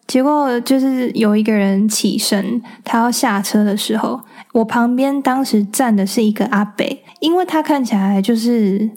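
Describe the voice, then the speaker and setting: A young woman, co-hosting a casual podcast chat and telling stories with lively acted-out quotes. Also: a little high, normal speed, few pauses. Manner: animated storyteller who acts out quotes. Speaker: podcast co-host.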